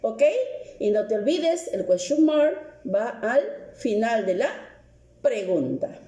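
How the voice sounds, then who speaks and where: A woman teaching an English lesson on video, speaking slowly and patiently and repeating each example, with a Peruvian Spanish accent. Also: on the high side, very animated, mellow, reverberant.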